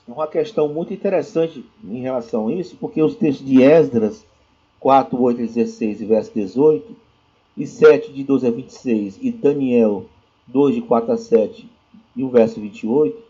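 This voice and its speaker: A man's voice: medium pitch, moderate pace, mellow, husky. A man teaching a lecture class, explaining step by step with frequent restarts and checking questions. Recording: dull lo-fi recording.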